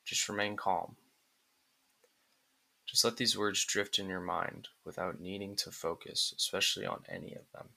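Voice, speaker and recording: A man narrates a guided relaxation script in the manner of a sleep story, speaking in calm, soothing, deliberate phrases broken by pauses. His voice is low-pitched and creaky.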